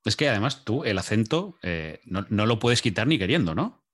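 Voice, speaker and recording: A man with a light Asturian accent hosting an interview, asking questions in a measured, radio-trained way. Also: on the low side, sing-song, fairly bright tone. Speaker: podcast host. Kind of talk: casual interview chat.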